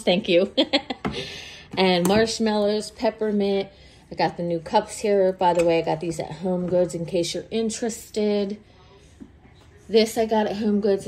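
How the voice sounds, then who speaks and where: A woman recovering from a cold, still a little congested, chats casually while filming a room-to-room home tour on a handheld phone camera. She speaks in a mid-range, slightly mellow voice and names the places she bought each item, as home vloggers do.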